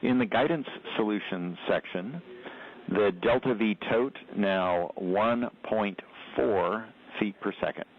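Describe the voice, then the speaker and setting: A man reads flight data from mission control in a slow, careful, clipped cadence, each figure spaced out over a radio loop. His voice sits on the low side and comes through thin and phone-like, squeezed by the radio link. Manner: deliberate, precise, clipped procedural phrasing. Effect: over a space-to-ground radio loop. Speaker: capsule communicator in mission control. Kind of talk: slow, measured radio readout of numbers. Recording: tinny phone-like radio audio.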